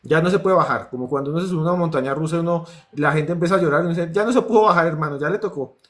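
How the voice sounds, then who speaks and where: Colombian man, horror writer, animated storyteller who acts out his characters; slightly high register. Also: rapid-fire. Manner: animated storyteller acting out voices and screams. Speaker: horror writer telling urban legends. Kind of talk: storytelling on a talk show.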